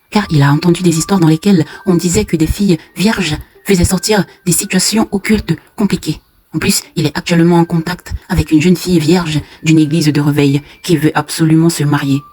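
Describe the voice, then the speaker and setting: A storyteller narrating a dark folk tale in a solemn tone, speaking directly to the listeners. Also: mid-range voice. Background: faint music.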